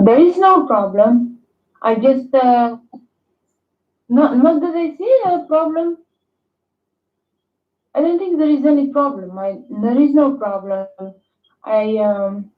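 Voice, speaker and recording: A woman talking haltingly on a video call over a bad connection, pausing often and restarting her words. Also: fairly high pitch, animated. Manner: halting, hesitant, many fillers and restarts. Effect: bad video-call connection, tinny and echoey. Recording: tinny echoey video-call audio.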